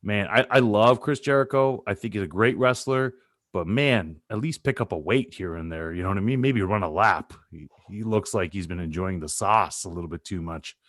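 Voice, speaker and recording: A man's voice: on the low side, moderate pace, fairly bright tone, dry recording, clean studio sound. A man co-hosting a sports show over a video call, joking and laughing often as he teases his co-host. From Canada.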